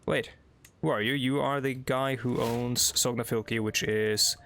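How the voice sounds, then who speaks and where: The Norwegian let's play host here has a mid-range, gravelly, slightly bright voice with fairly even intonation and a measured pace, and a little hiss or hum is audible. In accented second-language English, he rambles through gameplay, heavy on fillers and chatty asides as he reads the text.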